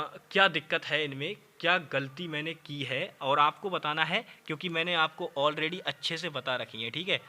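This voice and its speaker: High, bright-voiced male teacher. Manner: chatty, addresses students as brother, repeats "okay" often. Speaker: Hindi teacher. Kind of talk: online spelling class.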